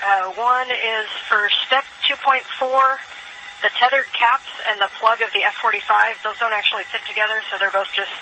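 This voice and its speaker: A clearly noisy space radio link carries a woman's voice at a medium pitch. She is an astronaut speaking to the ground. Her reporting is methodical, detailed and procedural. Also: pushed and bright. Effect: space radio transmission. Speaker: astronaut crew member.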